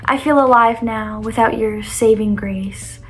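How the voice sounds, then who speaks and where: Reading her own poetry for a vlog, a young adult woman speaks a little slowly in a high-side voice with a breathy edge. She mixes the personal poems with casual remarks, coming across as earnest, vulnerable and a touch self-conscious.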